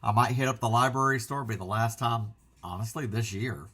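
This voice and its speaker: A man chats casually as a vlog host. His voice is bright and forward at a middling pitch, and he talks in an excitable, rambling way, cutting himself off mid-thought. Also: fairly quick. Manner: excitable, rambling, self-interrupting. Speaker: physical media channel host.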